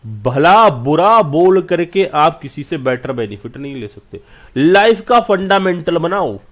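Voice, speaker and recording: A man with a somewhat high-pitched voice teaches a class in a fatherly way. He explains each point through everyday examples and keeps asking his students whether they follow. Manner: talks to students fondly and checks they follow. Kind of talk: classroom lecture.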